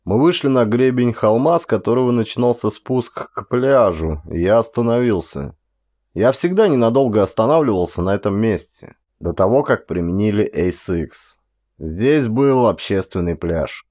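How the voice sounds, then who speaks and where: A middle-aged man reads fiction for an audiobook in a fairly low, slightly mellow voice. Like an actor, he tells the scripted story dramatically and expressively at a moderate pace.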